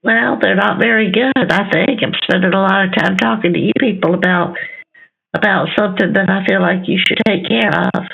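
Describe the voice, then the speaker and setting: A woman in a phone conversation, talking in a terse, grumbling way with a husky, creaky voice. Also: medium pitch, steady tone, fairly quick. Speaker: scam target on the phone. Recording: slightly dull, lo-fi audio.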